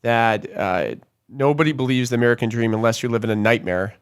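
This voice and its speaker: A man hosting a podcast, asking friendly questions with a few halting restarts. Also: medium pitch, smooth. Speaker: podcast host. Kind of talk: interview questions.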